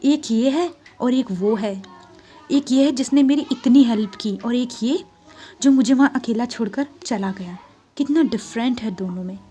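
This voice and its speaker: Lady voicing a sassy touchy young guy, huffy, a bit high and loud. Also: breathy edge. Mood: musing. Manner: huffy, quick to take offence. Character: sassy indignant young man, proud of his looks.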